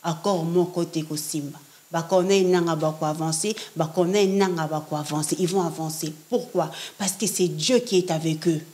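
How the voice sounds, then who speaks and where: Her voice sits on the low side, steady and warm, with a brisk pace. This young prophetess from France is a guest in a casual interview, switching between French and Lingala, and she stresses her points by speaking emphatically and repeating phrases.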